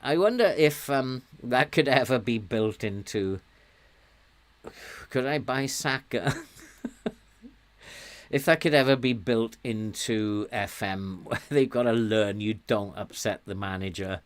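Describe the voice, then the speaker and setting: A man in his sixties, chatting and chuckling at himself while commenting on a game he plays. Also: mid-range voice. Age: 60s. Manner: chuckling, self-mocking, slow and chatty. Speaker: let's play host.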